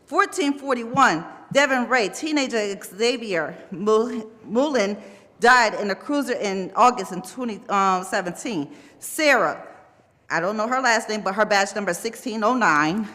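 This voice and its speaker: A woman giving a confrontational public comment at a council podium, rising to shouting. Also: medium pitch, lively intonation, measured pace. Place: city council chamber. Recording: echoey hall with long reverb.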